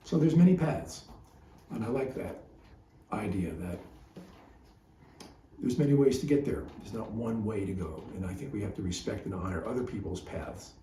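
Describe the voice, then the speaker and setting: A psychotherapist gives a reflective spiritual talk, thoughtfully explaining ideas and reading his own poems aloud. His fairly low, mellow voice has lively intonation and a moderate pace with frequent pauses. The recording sounds roomy, with a distant mic and faint noise.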